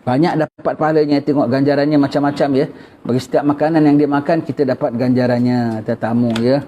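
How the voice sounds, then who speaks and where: A man's voice: medium pitch, steady tone, fast talker, mellow. A man with a Malaysian Malay accent teaching a religious text, chatty and repetitive, often tagging "ya". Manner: chatty, repetitive, frequent "ya" tags. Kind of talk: kitab study lecture, reading and explaining.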